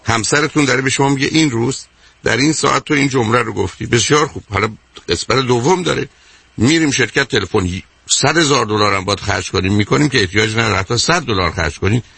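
A man's voice: medium pitch, creaky, bright, forceful tone, breathy edge, no echo. A man hosting a radio call-in as a psychologist, interrupting insistently and repeating "my dear" and "wait".

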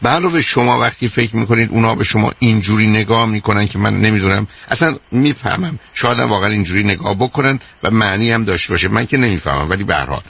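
A man's voice: fairly low pitch, creaky, few pauses, a bit bright, slightly rough. An older man hosting a radio call-in advice show, talking emphatically and repeating his points, calling the caller dear.

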